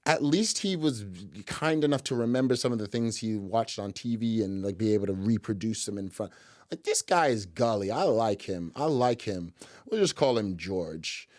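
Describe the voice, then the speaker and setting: A man's voice: fairly low pitch, animated, normal speed, darkish tone. A man hosting a casual reaction commentary, rambling, sarcastic and profane. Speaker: commentary host.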